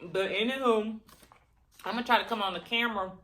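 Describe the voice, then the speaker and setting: A woman's voice: fairly high pitch, fairly bright tone, poor audio. Chatty woman, chewing while talking. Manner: chewing while talking, pausing between bites; chatty, colloquial, rambling. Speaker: mukbang vlogger. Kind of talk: casual chat to viewers while eating.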